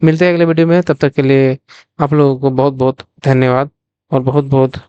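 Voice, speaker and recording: Male tutor, mid-pitched, smooth, clear voice, close and dry. Runs a question-and-answer revision lesson and repeats every question. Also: little pitch movement, brisk, mellow, no room sound, lo-fi sound. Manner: asks the viewers directly, then answers himself. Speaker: exam coaching teacher. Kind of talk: quiz-style revision lesson.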